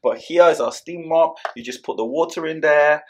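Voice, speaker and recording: A man's voice: on the high side, normal speed. Playful young man touring his home. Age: 20s. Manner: playful, hyped, joking with the viewers. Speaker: vlogger giving a house tour. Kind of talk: casual chat.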